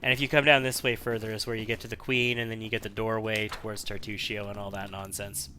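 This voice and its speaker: A man's voice: fairly low pitch, level tone, quick pace, sharp tone. A man giving casual, analytical gameplay commentary, sometimes repeating himself as he thinks. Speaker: video game let's player. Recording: faint background noise.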